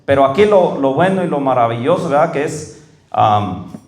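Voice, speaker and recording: A man giving a conversational sermon, often checking in with the congregation and slowing down to read scripture aloud. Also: lively intonation, a little mellow, roomy sound, a little hiss or hum. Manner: slows down and rises in pitch when reading scripture. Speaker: preacher. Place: church hall.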